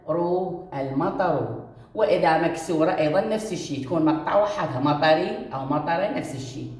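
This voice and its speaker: A woman's voice: fairly low pitch, roomy sound. A woman teacher with an Iraqi Arabic accent giving a reading lesson to first graders, drawing out words and repeating each one. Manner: reads words slowly syllable by syllable, repeating each. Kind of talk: recorded reading lesson for young pupils.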